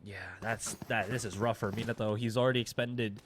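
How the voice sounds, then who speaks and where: A man's voice: on the low side, fairly even intonation, a little fast, slight background noise. Male esports caster, conversational analyst. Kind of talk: live esports casting commentary, analytical.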